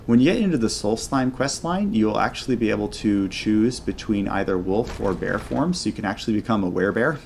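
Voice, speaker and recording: A man's voice: lowish voice, lively intonation, brisk, gravelly, hardly any pauses, darkish tone, slight background noise. A man hosting a gaming channel, giving chatty mod showcase commentary and thinking aloud as he plays. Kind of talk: casual video game mod showcase commentary.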